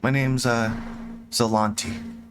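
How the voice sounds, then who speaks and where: A man's voice: medium pitch, steady tone, takes it slowly, a bit bright, a little hiss or hum. A man voicing an armored female guard who speaks bluntly and dryly.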